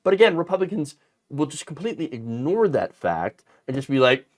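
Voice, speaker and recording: Sarcastic animated male commentator. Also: fairly high pitch, brisk. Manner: sarcastic, animated, with laughs and mocking put-on quotes. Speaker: political commentary host. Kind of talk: casual political commentary.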